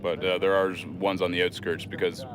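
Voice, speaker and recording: A soldier giving a matter-of-fact account in a field interview. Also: male voice, deep voice, level tone, brisk, a crowd in the background.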